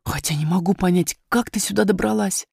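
A woman voicing a practical young miner boy who speaks in a lowered, hushed, matter-of-fact way. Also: a little fast, gravelly, breathy edge, no room sound, studio quality.

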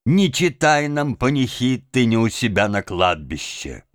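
Man reading rough impatient old carter, scolding, slow, dry close sound. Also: mid-range voice, big pitch swings, no echo. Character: blunt, impatient older male carter.

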